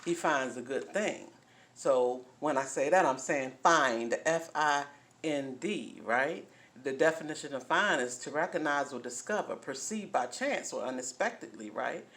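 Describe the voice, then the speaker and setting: Woman in her fifties hosting a solo talk, folksy and chatty. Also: sits low. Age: 50s. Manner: chatty, folksy, keeps asking "right?". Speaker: host. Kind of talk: casual talk on relationships.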